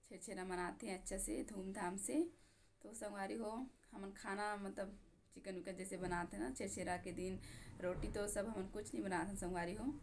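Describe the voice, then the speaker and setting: A hoarse young woman with a Chhattisgarhi accent talks casually to her viewers in a vlog. Her voice is rough and gravelly with a mid-height pitch. A faint noise hangs behind her. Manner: chatty, warm greetings to friends. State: hoarse, sore throat. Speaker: vlogger.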